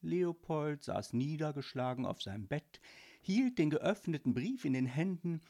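A man narrating a children's audiobook in a playful, expressive way. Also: fairly high pitch, measured pace, vocal fry.

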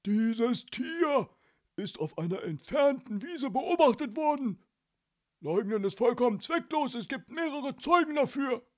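A man's voice: very high voice, expressive, unhurried. A man voicing a small older policeman who talks sternly and blusters threats in a storybook reading. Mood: stern threatening.

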